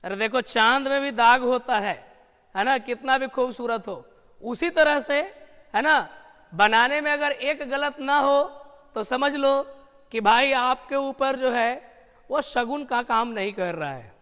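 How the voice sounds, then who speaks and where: A high-pitched man with a bright, forceful voice runs a lively online English grammar class, cheering his students on. His voice carries a long reverb. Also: unhurried, clean tone. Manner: energetic, encouraging, praising students. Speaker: English teacher.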